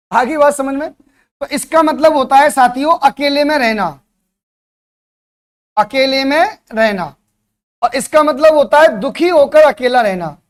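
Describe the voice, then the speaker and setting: A man's voice: very high voice, measured pace. A man teaching at a coaching center, giving a motivational classroom talk and throwing rhetorical questions at his students.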